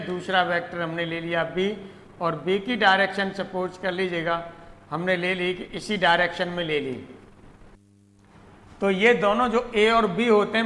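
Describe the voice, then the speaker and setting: A man's voice: high voice, a bit bright, long reverb tail. A man teaching a math lesson. He mixes with English terms, repeats key words and asks questions he answers himself. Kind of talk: classroom lecture.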